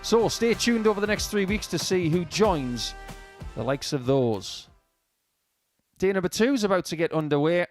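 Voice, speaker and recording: A man's voice: high voice, expressive, moderate pace, faint music behind. A man presenting live darts coverage and commentary.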